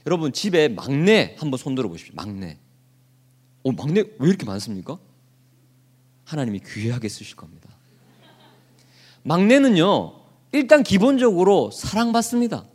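Animated male pastor preaching. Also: a little high, moderate pace, pauses often, husky. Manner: asks the congregation questions and leads group readings; acts out quoted lines. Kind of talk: sermon.

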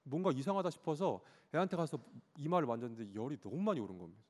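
A man in his thirties preaching a sermon, telling a personal story about his child in an animated way and acting out the child's cries. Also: a little high, fast talker. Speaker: pastor. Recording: long hall reverb.

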